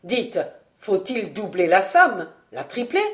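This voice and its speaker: A woman voicing a scheming nobleman who commands his servants, speaking slowly and weighing each word, pitched lower than her own voice. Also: big pitch swings. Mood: desperate, heated.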